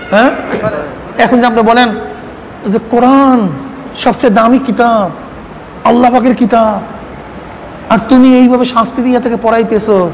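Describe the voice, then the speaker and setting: A man, preaching an Islamic sermon and scolding with rhetorical questions. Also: very high voice. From Bangladesh. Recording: reverberant hall with faint noise.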